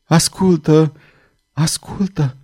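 A man reading aloud plays a middle-aged cardinal torn apart by lost love, pleading and crying out with a dark, mellow voice. The lines rise and break with despair, as in a spoken storybook. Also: medium pitch, lively intonation, close to an everyday voice. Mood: desperate. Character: anguished middle-aged male cardinal, desperate lover.

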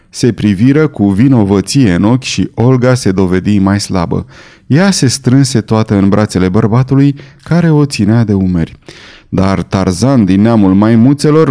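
Low, mellow male narrator. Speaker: audiobook narrator. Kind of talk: scripted narration.

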